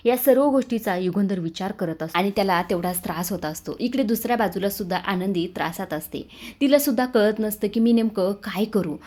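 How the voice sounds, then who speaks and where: A woman's voice: medium pitch, brisk. Woman narrating a serial recap. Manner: retells scenes and reads out quoted dialogue in a steady narrating voice. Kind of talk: scripted storytelling recap.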